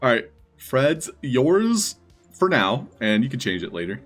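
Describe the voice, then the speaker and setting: A man's voice: mid-range voice, very animated, measured pace, soft background music. A man hosting a live stream, chatting casually with his viewers.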